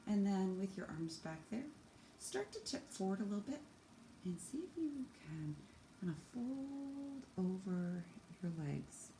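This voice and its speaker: Very animated yet measured in pace, a teacher with a warm, mid-range voice shows children how to do yoga stretches, talking them through each step with simple encouragement. Faint background noise and room echo are audible.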